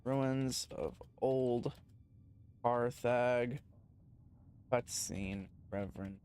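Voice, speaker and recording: Excitable, profane gaming vlogger, man. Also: mid-range voice, drawn-out words, clear, resonant tone. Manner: rambling, profane, excitable storytelling. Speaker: gaming channel host. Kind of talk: casual game recap.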